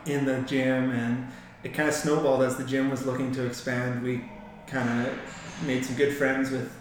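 A man in his thirties giving a casual interview in a halting, conversational way. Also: mid-range voice, flat delivery. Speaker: guest, physiotherapist. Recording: echoey, distant mic, noisy room.

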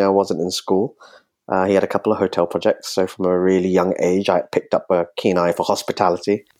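A man talking casually as a podcast guest, chatty and quick to laugh. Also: low voice, a little mellow. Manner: chatty, laughs easily, jokes about his sultry podcast voice. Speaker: podcast guest, magazine co-founder. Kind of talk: casual interview talk.

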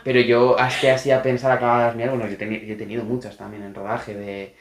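Fast-talking man telling set stories. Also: mid-range voice. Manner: lively storyteller acting out quotes. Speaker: film director. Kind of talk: casual podcast chat, telling an anecdote. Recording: roomy echo with faint noise.

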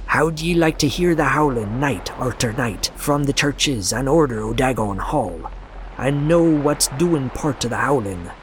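A man's voice: medium pitch, slight background noise, lightly acted, rough recording. A man voicing a crazed, terrified old harbor drunk in a storybook reading, ranting in a rustic old dialect. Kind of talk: audiobook character voice.

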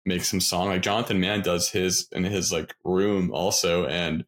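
A man with a very deep voice hosts a podcast conversation. He speaks in an upbeat, encouraging way and reassures his guest. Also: fairly even intonation, normal speed. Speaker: podcast host. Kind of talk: casual interview conversation.

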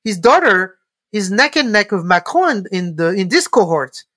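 A man, a guest giving casual analysis and often pausing on fillers and restarting his sentences. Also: high-pitched, big pitch swings, bright, forceful tone, no echo. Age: 30s. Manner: hesitant, many fillers and restarts. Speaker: guest commentator.

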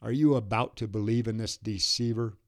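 A man's voice: fairly low pitch, fairly even intonation, moderate pace, natural voice. A man voicing a scornful male council elder.

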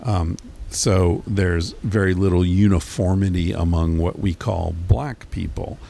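A man's voice: low-pitched, fairly even intonation, unhurried, gravelly, warm tone. A man talking in a rambling, casual monologue, swearing freely and full of fillers and restarts.

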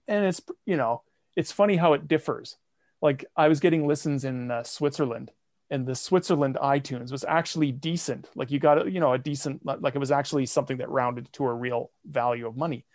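In a casual interview chat, a podcast guest, a songwriter and comedy fiction podcaster, talks about making music at home. His medium-pitched voice moves fairly quickly, recorded at studio quality with no room sound, and he stays laid-back, saying "like" a lot and laughing lightly.

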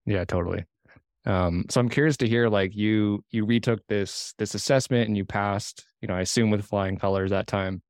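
Low-pitched man as podcast host, relaxed and hedging, dry studio sound. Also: moderate pace, smooth, no room sound. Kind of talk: casual interview.

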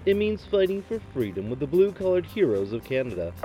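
A man doing a deadpan comedy bit as a trucker talking over a CB radio, full of radio lingo. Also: a little high, fairly quick, loud music behind the voice, low-quality recording.

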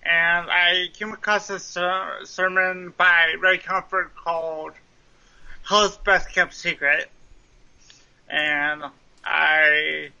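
A man with a speech impediment speaks haltingly and slurred, sounding like a muffled drive-through speaker, as a podcast guest telling his story. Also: high-pitched, little pitch movement, creaky, sharp tone, clean tone. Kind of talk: personal testimony in a podcast interview.

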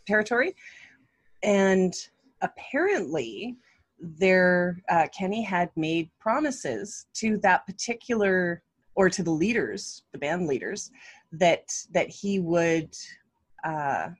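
Woman, husky lower voice, casual chat, lots of fillers. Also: lively intonation. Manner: chatty with many fillers, quick to agree and laugh. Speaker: podcast co-host. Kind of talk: casual political discussion.

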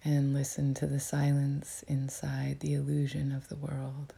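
A woman with a cold and a nasal voice, softly half-whispering as she guides a meditation in a small cabin. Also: a bass voice, monotone, a little slow, creaky, slightly rough. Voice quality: soft, half-whispered delivery. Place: writer's cabin with a crackling fire.

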